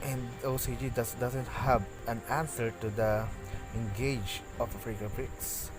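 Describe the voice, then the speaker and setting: Over music, an esports caster with a mid-range voice practices play-by-play commentary on a match. He halts and restarts often, breaking into bursts of excitement on big plays.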